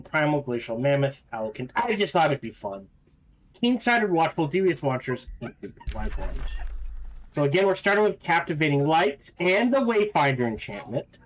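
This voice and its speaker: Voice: mid-range voice, rough recording. A game streamer giving casual gameplay commentary, thinking aloud.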